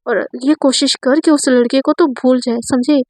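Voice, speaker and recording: A woman's voice: sits high, steady tone, moderate pace, a little mellow, no room sound, close to an everyday voice. A woman voicing a stern, angry middle-aged father who questions and threatens his daughter. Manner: demanding, threatening.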